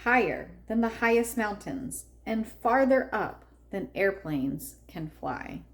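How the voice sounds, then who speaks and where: With expressive emphasis and a calm, measured pace, a medium-pitched female narrator reads a kids' storybook aloud.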